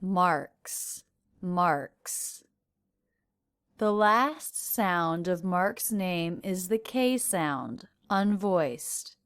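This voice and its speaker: Very slow, deliberate woman teacher. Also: mid-range voice, expressive, smooth, no echo. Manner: very slow, repeats each sound. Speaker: pronunciation teacher. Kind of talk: recorded lesson narration.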